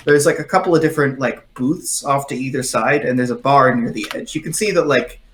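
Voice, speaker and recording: Male game master, loose descriptive narration, lots of "like", mid pitch. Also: brisk, reverberant, slight background noise. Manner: descriptive, filler-heavy narration.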